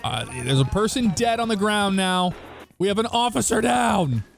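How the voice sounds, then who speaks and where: A man's voice: sits high, animated, normal speed, gravelly, soft background music. A man giving casual, joking let's-play commentary, talking back to the characters in the game. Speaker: gaming YouTuber.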